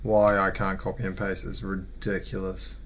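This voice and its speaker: A man's voice: low-pitched, monotone, moderate pace, a little hiss or hum. A man chatting casually and matily on a livestream, thinking aloud as he plays. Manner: friendly, matey, thinking aloud. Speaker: live streamer playing chess.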